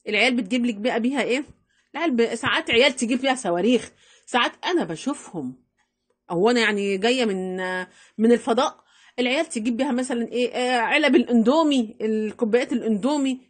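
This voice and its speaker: Egyptian woman, middle-aged, quick chatty talk, fairly high voice, repeats for emphasis. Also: breathy edge. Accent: Egyptian Arabic. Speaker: home-economy vlogger. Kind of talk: casual advice talk to camera.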